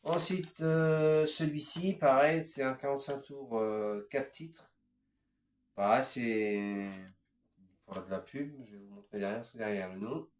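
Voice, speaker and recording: A man's voice: mid-range voice, a little slow, darkish tone, a little hiss or hum. A man in his fifties casually presenting his record collection, hesitant and chatty, moving item to item with frequent filler words. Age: 50s. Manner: hesitant, strings items together with "voilà" and "ensuite". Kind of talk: casual show-and-tell. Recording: roomy echo.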